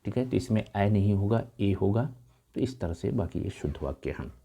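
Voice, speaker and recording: A man with a very dark, mellow voice walks through an exam paper. His voice sits somewhat low, and he reads each option slowly before moving on briskly to explain the correct answer. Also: expressive, gravelly. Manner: addresses viewers as dear friends. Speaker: Hindi exam tutor.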